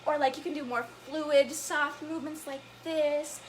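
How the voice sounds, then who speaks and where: A woman's voice: sits high, fairly even intonation, moderate pace, slight background noise, poor audio. A woman leading a children's story time, upbeat and playful, guiding wiggles and breathing and laughing often. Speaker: story time family educator.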